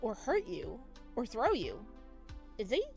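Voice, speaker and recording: A woman with a fairly high, slightly mellow voice and huge swings in pitch reads a visual novel aloud in an unhurried way. She hosts the let's play with giggly, chatty commentary, reacting aloud to the text while music plays in the background.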